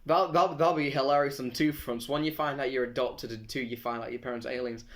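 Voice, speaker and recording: A man's voice: medium pitch, steady tone, fast, fairly bright tone. A young man co-hosting a casual comedy chat at home, rambling and jokey with frequent laughter, recorded on a phone camera. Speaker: co-host of a comedy chat channel.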